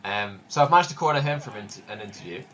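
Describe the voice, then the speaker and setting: Stammering man interviewing, bright and animated. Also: on the low side, fast talker, a little hiss or hum, low-quality recording. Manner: hesitant, stammering.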